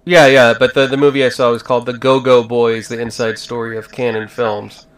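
A man hosting a podcast with casual film talk, halting as he searches for details. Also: mid-range voice, flat delivery. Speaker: podcast host.

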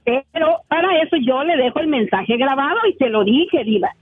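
High-voiced woman telling a story by phone. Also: moderate pace, no echo. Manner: animated, indignant storytelling. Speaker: caller. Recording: tinny phone line.

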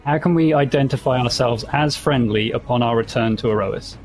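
A man's voice: mid-range voice, a little fast, darkish tone, faint music behind. A man chatting casually as a player in a tabletop role-playing game, thinking aloud.

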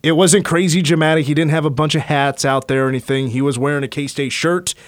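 A man's voice: a little high, steady tone, brisk, no echo. A chatty, upbeat male sports radio host with a slightly raised voice. He talks casually into a studio microphone, and the sound is close and dry.

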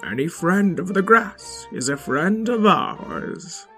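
A narrator voicing a friendly patch of moss in a children's storybook, calm and unhurried, offering help gently. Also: medium pitch, faint music behind, voice pushed up. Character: kindly old moss on a rock.

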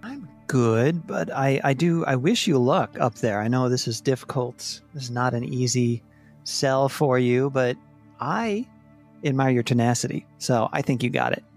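A man playing a tabletop game, talking in character in a persuasive, smooth-talking way. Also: medium pitch, moderate pace, soft background music. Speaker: player.

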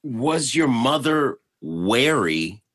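A man's voice: medium pitch, big pitch swings, extremely slow, a bit bright. A man hosting a casual chat, joking and asking his guests questions. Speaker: podcast host.

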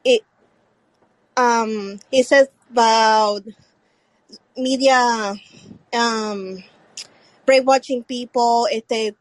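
A woman caller with a Puerto Rican accent, a native Spanish speaker talking casually in careful, halting English as she searches for words. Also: a little high, steady tone, dry recording, poor audio. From Puerto Rico. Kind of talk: casual call-in talk.

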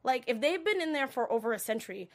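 A woman getting over a cold chats on a livestream, rambling with lots of fillers. Her voice sits a little high. She wanders between thoughts in a loose, casual way. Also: animated, quick pace. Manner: chatty, rambling, filler-heavy. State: recovering from a cold, coughing. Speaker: livestream show recap host. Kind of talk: casual chat reacting to viewer comments.

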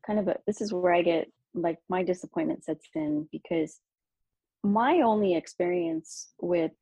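A woman veteran with a gravelly, husky voice, recorded close and dry. She talks bluntly and candidly, and slips into dry sarcasm. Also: on the low side, dark tone, no echo, rough recording. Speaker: military veteran guest. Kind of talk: conversational interview.

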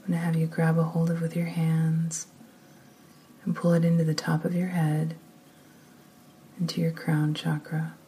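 A woman leading a guided meditation in a soft, often whispered, slow and soothing voice. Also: deep voice, monotone, a little hiss or hum.

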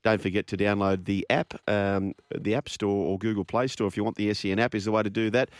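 A man's voice: on the low side, level tone, fast, no room sound, studio quality. A man with an Australian accent hosting a radio show in a casual, chatty style. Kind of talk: casual sports radio chat.

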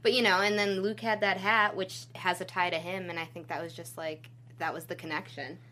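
A woman's voice: lowish voice, level tone, fairly quick, sharp tone. A woman co-hosting a podcast, chatting casually and reacting with feeling. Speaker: podcast co-host. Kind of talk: casual chat.

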